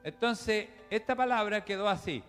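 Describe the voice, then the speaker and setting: Man, pastor, high-pitched, preaching in a church hall with reverb and faint music. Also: moderate pace, fairly bright tone, clean tone. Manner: teaching, chatty, addresses the congregation directly. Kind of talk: sermon.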